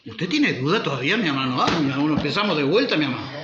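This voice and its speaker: A man's voice: a little high, big pitch swings, racing, roomy sound, dull audio, noisy background. A man preaching a sermon as pastor, driving points home with rhetorical questions. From Uruguay.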